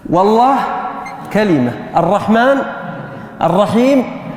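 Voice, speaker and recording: A middle-aged man with a notably high voice lectures as a grammar professor, firing questions at his class and drilling answers back and forth. His voice rings through a large hall with a long, echoing tail. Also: expressive, unhurried, a little mellow. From Saudi Arabia. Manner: quizzing students, call-and-response drilling.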